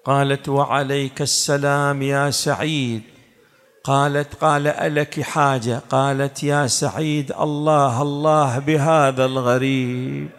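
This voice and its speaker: A man preaching a mourning sermon, speaking and chanting slowly as a preacher, with a lamenting tone that rises into cries. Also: mid-range voice, little pitch movement. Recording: long hall reverb, faint music.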